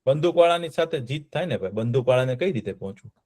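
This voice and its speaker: A man's voice: medium pitch, lively intonation, quick pace, warm tone, no room sound, clean studio sound. A man telling a history story to children, often stopping to quiz them with check-in questions.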